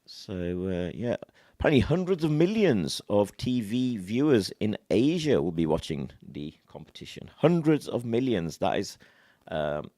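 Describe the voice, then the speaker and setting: A man hosts live radio in a fairly deep voice. He talks off the cuff and haltingly, filling time, with a very dry studio sound. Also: mellow, no echo. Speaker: radio host. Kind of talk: live unscripted radio presenting.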